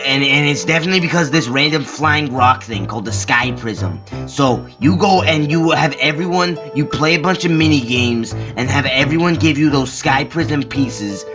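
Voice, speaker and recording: A man's voice: fairly high pitch, moderate pace, few pauses, over music, natural voice. A man voicing a sly mystical creature who gives offhand, sarcastic guidance. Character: sly mystical creature guide, fake friendly.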